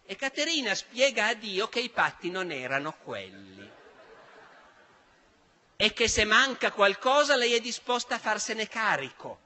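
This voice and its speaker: A man in his sixties from Italy, telling history as a lecture in animated, emphatic storytelling. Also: high-pitched. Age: 60s. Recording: large hall with long reverb.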